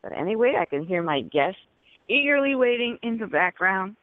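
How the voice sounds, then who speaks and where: A woman's voice: mid-range voice, very animated, moderate pace, dry recording. A woman hosting a radio talk show who reads formal guest introductions, with small slips and corrections. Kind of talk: reading guest introductions, interviewing. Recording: narrow phone-line radio sound.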